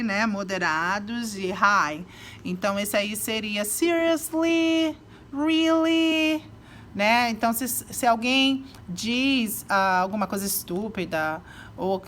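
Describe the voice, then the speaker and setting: Brazilian teacher explaining English phrases. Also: female voice, medium pitch, pushed and bright, slight background noise. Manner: explains slowly, acts out English example phrases. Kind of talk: casual video lesson.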